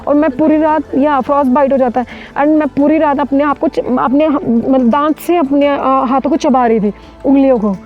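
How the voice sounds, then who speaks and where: A woman's voice: sits high, steady tone, moderate pace, hardly any pauses. A woman from India, a mountaineer, recounting an ordeal in an interview with vivid, urgent retelling full of restarts. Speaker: mountaineer guest. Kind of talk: interview storytelling. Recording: dull lo-fi sound with faint music.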